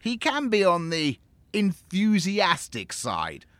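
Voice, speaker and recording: A man's voice: high-pitched, huge pitch swings, slow pace, fairly bright tone, no echo, heavily acted. A man playing a smug, greedy male arms-dealer businessman in a comedy sketch, oily and condescending.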